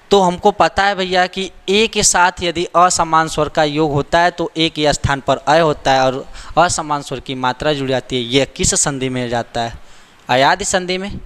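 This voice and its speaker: Man, teacher, grammar lesson, high voice, rhetorical questions, long hall reverb. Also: fairly bright tone, clear, resonant tone. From India. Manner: repeats rules and checks understanding with rhetorical questions. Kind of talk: classroom lesson explaining grammar rules.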